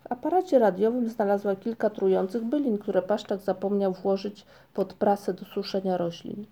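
A woman narrating a children's storybook in a calm, measured, gentle manner. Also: mid-range voice. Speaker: audiobook narrator.

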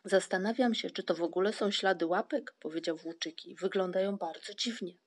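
A woman reading the part of Snufkin, a calm, thoughtful young wanderer, in a storybook. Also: on the low side, fairly quick, slightly rough. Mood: cautious.

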